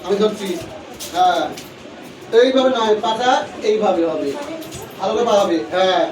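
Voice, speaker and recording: A man's voice: high voice, moderate pace. A man who teaches yoga, leading a children's class with short, repeated commands and calls for silence. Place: large indoor school hall. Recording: echoey hall, voice from far off, faint noise.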